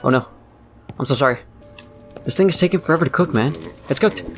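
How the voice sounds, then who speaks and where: A man's voice: mid-range voice, lively intonation, fast, faint music behind. A man giving frantic let's play commentary, talking to his viewers and repeating words under pressure. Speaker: gaming YouTuber.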